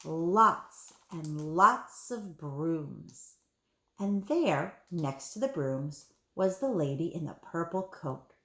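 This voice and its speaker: A woman's voice: low-pitched, animated, slow, a bit bright. A woman, a preschool teacher, reading a picture book aloud to children and asking them questions. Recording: roomy room echo.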